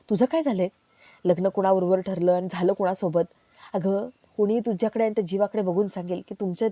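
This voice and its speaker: A woman's voice: mid-range voice, dark tone, no room sound. A woman reading aloud a recap of a television serial episode, saying every character's lines herself in much the same plain voice.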